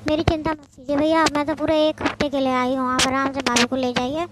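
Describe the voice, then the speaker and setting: A woman voicing a lively, outspoken young married sister in a cartoon, talking in a chatty, reasoning way. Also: high voice, quick pace, heavy background noise, close to an everyday voice. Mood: earnest. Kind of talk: cartoon voice acting. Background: background music.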